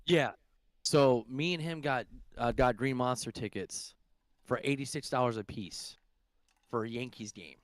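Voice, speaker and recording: A man's voice: mid-range voice, a little slow, no echo. A young man co-hosting a podcast, telling stories in a rambling, profane way with lots of fillers. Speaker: podcast co-host. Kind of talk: casual chat.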